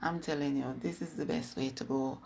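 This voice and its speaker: Low-voiced Jamaican woman cooking. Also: fairly even intonation, fairly quick, vocal fry, dark tone, slight background noise. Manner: chatty, instructive, slips into patois. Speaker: cooking channel host. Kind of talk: casual cooking video narration.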